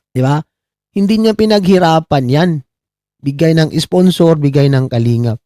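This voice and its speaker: Broadcasting live from abroad, a middle-aged man from the Philippines ridicules his subjects in casual commentary, keeps tossing in "di ba?" and greets his viewers. He sits high in pitch, and the sound is clean studio audio with no echo.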